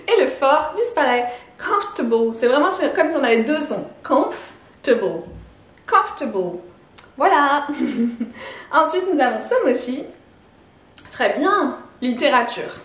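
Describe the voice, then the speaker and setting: High-voiced woman teaching pronunciation. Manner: explains slowly, repeats words, laughs softly. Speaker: language teacher. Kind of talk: pronunciation lesson. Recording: roomy echo.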